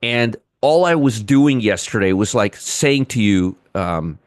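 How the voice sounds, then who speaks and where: A man's voice: lowish voice, lively intonation, unhurried, dry recording, clean studio sound. A middle-aged man hosting a live trading show, giving market commentary and answering chat viewers by name, often repeating himself.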